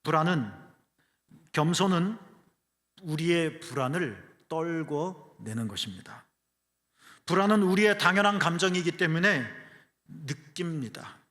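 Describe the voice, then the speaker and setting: A male pastor delivers a sermon in a fairly high, bright voice. He moves between soft, hushed lines and raised, emphatic ones, and his voice carries a long church-hall reverb. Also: expressive, measured pace, pauses often. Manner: earnest preaching, swings between hushed low phrases and raised emphatic ones. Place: church sanctuary.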